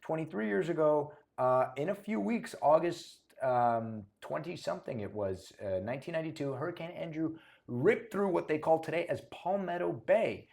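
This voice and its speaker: A man's voice: fairly high pitch, expressive, normal speed, vocal fry, darkish tone. A man hosting a real estate talk show, chatty and joking, often stumbling over his words. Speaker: talk show host, realtor. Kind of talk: casual talk show chat.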